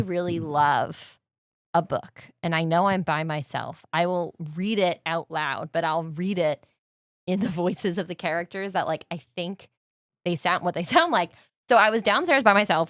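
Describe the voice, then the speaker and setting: A woman's voice: lowish voice, no echo, clean studio sound. Woman telling a story with laughs. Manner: animated storyteller, laughs often. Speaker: podcast co-host. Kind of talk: casual chat.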